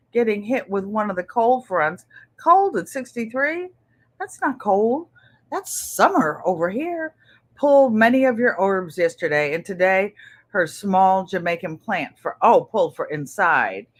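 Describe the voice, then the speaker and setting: A woman's voice: medium pitch, animated, measured pace. Chatty older woman hosting a craft livestream. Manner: chatty, reads viewer comments aloud, laughs easily. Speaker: craft channel host on a livestream. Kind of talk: casual livestream chat reading comments.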